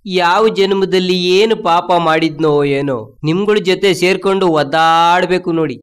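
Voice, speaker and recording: An actor playing a grumbling comic servant who complains and flatters his boss in a whiny, wheedling way. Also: sits high, normal speed, clear, resonant tone, close to an everyday voice. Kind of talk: comic film dialogue.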